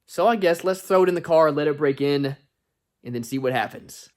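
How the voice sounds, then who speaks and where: Man, car audio reviewer, excited, folksy, chatty vlog. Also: a little high, brisk. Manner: excited, folksy, says "y'all" and "guys" a lot. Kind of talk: enthusiastic product review vlog.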